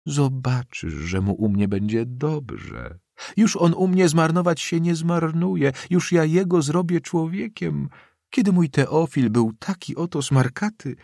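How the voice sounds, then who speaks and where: Man playing hearty old landlady in an audiobook; raised pitch, husky grain, loud and exclaiming. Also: expressive, measured pace, no room sound, studio quality, heavily acted.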